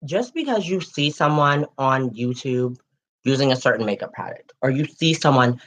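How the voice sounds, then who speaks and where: A man's voice: mid-range voice, animated, takes it slowly, long pauses, a bit bright. A man in his late twenties co-hosting a casual chat, sassy and dramatic, calling listeners girl and honey. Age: late 20s. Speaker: co-host. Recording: dull lo-fi sound.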